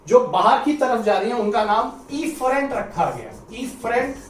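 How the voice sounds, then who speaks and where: A man's voice: sits high, very animated. A man teaching a biology lesson for exam students, repeating points, drawing out key terms and mixing English words into his explanation. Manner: repeats points, urges students to listen carefully; stretches out key terms slowly. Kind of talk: exam-prep biology lecture. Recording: roomy echo, somewhat distant mic, faint ambience.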